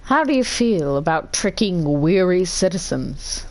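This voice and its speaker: A woman's voice: lowish voice, expressive, measured pace, a little mellow, low-quality recording. A woman voicing a judge in a game, asking pointed, probing questions in her own voice. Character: stern judge questioning a fraud suspect.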